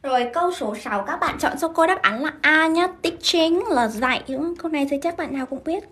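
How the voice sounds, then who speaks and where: A woman's voice: sits high, lively intonation, a bit bright. A woman English teacher from Vietnam, running a live-streamed grammar lesson and keeping her viewers engaged by asking them to confirm as she goes. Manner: brisk, keeps asking students to confirm.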